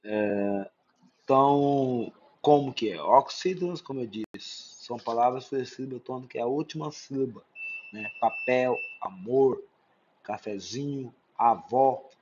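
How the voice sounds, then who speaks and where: A man's voice: mid-range voice, measured pace, a little mellow, dull audio, slight background noise. A male Brazilian teacher giving an exam-prep lesson, explaining with lists of examples and often asking "né?" to check understanding. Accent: Brazilian Portuguese.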